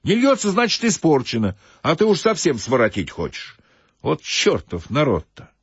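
A man voicing an irritable bathhouse attendant who scolds and shouts. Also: fairly high pitch, wildly swooping pitch, normal speed, breathy edge, no room sound, voice pushed up, heavily acted. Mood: scolding. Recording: dull dry lo-fi recording.

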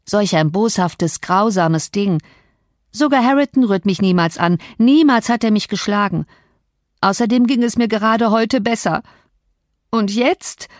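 A woman's voice: medium pitch, normal speed, dry recording, clean studio sound, close to an everyday voice. A woman reading an audiobook, voicing a sickly, petulant teenage boy who whines and taunts. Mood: whining. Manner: whiny and taunting.

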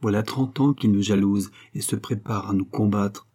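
A man doing a quiet, worried young clerk. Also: fairly even intonation, moderate pace. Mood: grave. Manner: low, murmuring, worried. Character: anxious, gloomy young male clerk.

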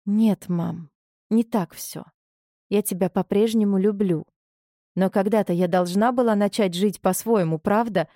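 A woman's voice: medium pitch, a little slow, mellow, dry recording, studio quality, natural voice. A woman voicing a grown daughter who firmly and earnestly stands up to her mother. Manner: earnest, firm, pleading. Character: grown daughter, young woman, newly defiant.

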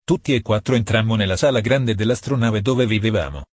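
Un uomo legge un audiolibro con tono calmo e misurato, voce bassa e leggermente roca. Il suono è asciutto e vicino al microfono, senza riverbero. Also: male voice, brisk, no echo. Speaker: narrator. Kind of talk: audiobook narration.

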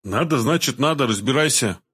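A man's voice: medium pitch, animated, fairly quick, a bit bright, breathy edge. A man voicing a stern, terse security man. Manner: terse, hard-edged.

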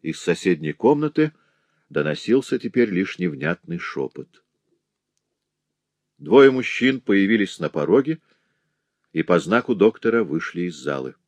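A man narrating a classic novel as an audiobook in an even, measured way. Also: low-pitched, creaky, no echo.

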